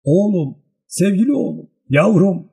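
A man's voice: high-pitched, expressive, measured pace, vocal fry, warm tone, husky, voice pushed up, heavily acted. A man voicing a frail elderly father, anxious and doting, pleading with a raised, breaking voice. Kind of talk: audiobook character reading.

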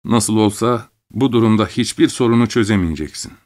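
A man's voice: lowish voice, brisk, a little mellow, close to an everyday voice. A man voicing the mocking, singsong inner voice of a doctor's fear. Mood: mocking soothing. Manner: teasing, singsong.

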